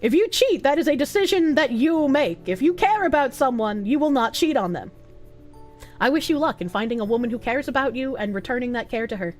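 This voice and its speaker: A woman's voice: high-pitched, lively intonation, fairly quick, soft background music. A woman with a Boston accent hosting a livestream, chatting casually and bawdily with her viewers, joking and swearing freely. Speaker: livestream host.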